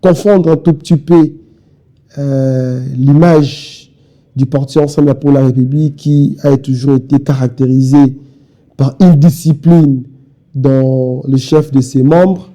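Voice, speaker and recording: With a warm, steady, mid-range voice and an unhurried pace, this young spokesman for a party presses his message repetitively in a TV interview. He is from Kinshasa and has a Congolese French accent.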